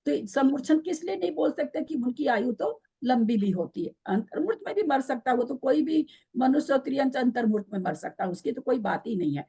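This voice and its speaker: A woman leads an online scripture class, putting questions to her students and explaining patiently. Her voice is mellow and a little husky, with a gravelly edge. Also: high-pitched, expressive, brisk, few pauses. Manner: questioning, explaining patiently, repeats key terms. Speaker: Jain scripture teacher.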